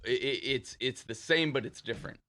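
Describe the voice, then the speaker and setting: A man's voice: medium pitch, fairly quick, sharp tone. A man who works as a chef in casual podcast chat, joking and explaining with emphasis.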